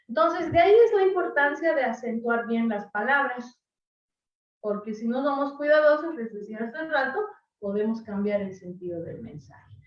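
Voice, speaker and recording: Distant, echoey woman teacher lecturing. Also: a little high. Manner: explanatory, asks "¿no?" and "¿sí?" often. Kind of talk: online class lecture. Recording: echoey, distant, dull lo-fi sound.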